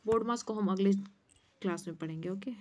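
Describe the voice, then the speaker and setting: A woman's voice: medium pitch, fairly quick, a little mellow. A woman maths teacher explaining place values step by step at a board, now and then muttering asides. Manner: mutters asides under her breath. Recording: muffled lo-fi recording.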